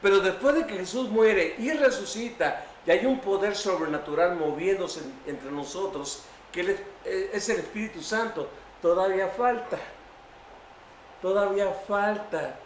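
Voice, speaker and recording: A man's voice: high-pitched, a little slow, a little hiss or hum. A man preaching a sermon as pastor, retelling a story dramatically and acting out its voices. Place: church sanctuary. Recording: echoey church room, faint ambience.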